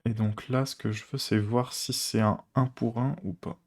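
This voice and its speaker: A man's voice: mid-range voice, steady tone, normal speed, a little mellow. A man, streaming a coding session and chatting casually, thinking aloud with many fillers and restarts. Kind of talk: casual live coding chat.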